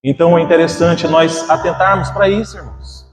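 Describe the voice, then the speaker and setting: A man's voice: a little high, brisk. A man preaching a fervent sermon, telling a personal testimony and often calling the listeners brother. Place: church. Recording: reverberant church hall with faint music.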